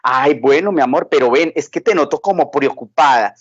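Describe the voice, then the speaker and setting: A man playing a patient father, soft and coaxing, in a slightly raised voice. The recording is dull, lo-fi and dry. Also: fairly high pitch, fairly quick, husky, no echo. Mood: gentle, coaxing. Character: gentle, patient father of a young girl.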